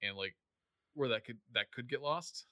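Guy chatting casually about a book, bright voice, dry sound, lots of ums and restarts. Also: mid-range voice, moderate pace, dry recording. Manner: rambling, many fillers and restarts. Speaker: podcast co-host discussing a novel. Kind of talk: casual chat.

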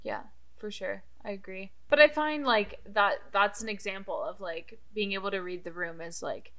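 Young female co-host, bright edgy tone, mid pitch, relaxed Valley Girl chatter. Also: normal speed. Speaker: podcast co-host. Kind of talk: casual chat.

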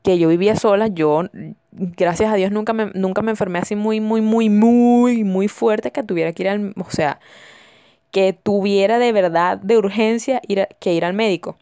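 Young venezuelan woman rambling podcast stories, smooth voice, repeats words a lot. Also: medium pitch, normal speed, mellow, dry recording, studio quality. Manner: chatty, repeats words for emphasis. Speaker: podcast host. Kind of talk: casual storytelling monologue.

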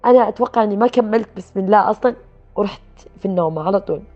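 A woman recounting a personal experience in a soft, reflective way, with pauses and restarts. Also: medium pitch. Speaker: guest telling her story. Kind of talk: personal storytelling. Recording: dull lo-fi sound with faint music.

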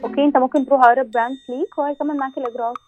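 A woman's voice: high-pitched, fairly even intonation, racing, a little mellow. A young woman with an Egyptian Arabic accent, heard over the phone, working as a bank loans officer and firmly refusing a prank caller. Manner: firm, curt, keeps refusing. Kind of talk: prank call, phone conversation. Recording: dull lo-fi phone line with faint music.

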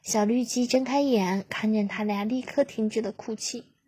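A woman narrating a children's storybook in a gentle, expressive way. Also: fairly high pitch, normal speed, husky.

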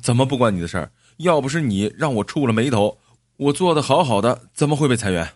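A hot-headed office worker who gets indignant and demanding, pushing his voice louder and faster, as a storyteller puts him on. His low voice stays dry and close. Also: expressive, dry recording. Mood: angry. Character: angry middle-aged office worker, short-tempered.

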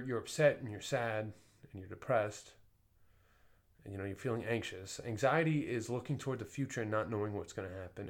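A man talking in a casual personal monologue as a podcast host, often swearing and full of fillers, dropping to soft mumbles and then rising to loud emphatic bursts. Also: fairly low pitch. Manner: frequent swearing and filler talk.

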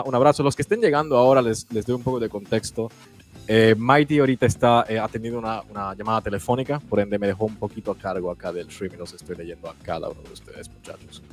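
A man chatting casually as a guest co-host of a live stream, laughing a lot and stammering, with faint music in the background. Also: medium pitch. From Italy. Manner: chatty, laughs often, stammers and repeats words.

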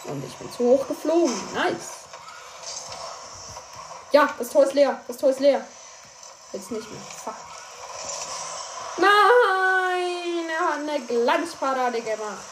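A woman giving excitable live commentary on her own gameplay, crying out at goals and misses and chatting to her listeners. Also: high-pitched, slow pace, pauses often. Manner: excitable, shouts and cries out at plays, chatty asides to listeners. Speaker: gaming streamer. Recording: echoey room with background noise.

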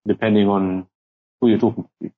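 In muffled lo-fi podcast audio, a young guest raised in Singapore rambles casually, leaning hard on filler words. He speaks British English with Singaporean code-switching, in a lowish voice with little pitch movement and a fairly quick pace.

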